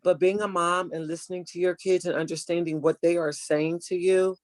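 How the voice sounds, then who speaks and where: A woman's voice: fairly low pitch, little pitch movement, fairly quick, darkish tone, dry recording. Earnest older woman giving motherly advice. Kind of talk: casual chat.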